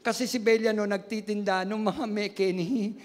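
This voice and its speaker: A male pastor telling a personal story in a sermon, animated and laughing at himself as he acts out what people said. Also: sits high, normal speed. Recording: long reverb of a large hall.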